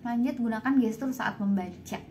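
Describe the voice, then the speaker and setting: A woman's voice: on the high side, normal speed, a little mellow, slight background noise. A young woman co-hosting a casual live chat, steering the topics and humming agreement. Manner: lots of agreeing hums, leads the topics. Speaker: co-host. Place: home, on a phone live stream.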